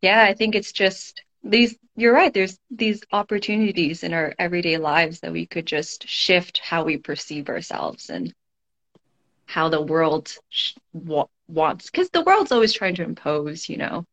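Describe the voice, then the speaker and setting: A woman's voice: on the low side, measured pace, fairly bright tone. A woman guest in a casual conversation, thinking aloud in a reflective way, with frequent fillers and restarts. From Toronto, Canada.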